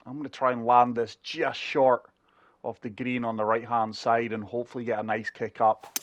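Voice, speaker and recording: Breathless from a chest infection, a man gives chatty, casual commentary on a golf game for his gaming channel, walking viewers through each shot. He speaks at medium pitch with a level tone and moderate pace, on a dry recording.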